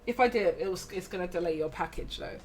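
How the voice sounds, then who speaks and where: A woman's voice: lowish voice, fast talker, darkish tone, a little hiss or hum. A woman hosting a casual stream, chatty, teasing and affectionate, laughing often. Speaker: streamer host.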